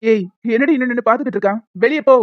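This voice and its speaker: A woman voicing a hot-tempered young cartoon man who scolds in a rush, his voice rather high for a man. The sound is dull, dry and lo-fi. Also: dry recording, lightly acted. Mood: angry. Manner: scolding, fast. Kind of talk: cartoon dialogue.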